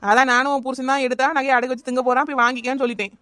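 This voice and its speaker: A woman's voice: sits high, flat delivery, racing, sharp tone, clean tone. A woman voicing a smug, scheming male fake astrologer in a cartoon, talking in a glib, rambling, mock-solemn way with a Kanyakumari Tamil accent. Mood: offhand.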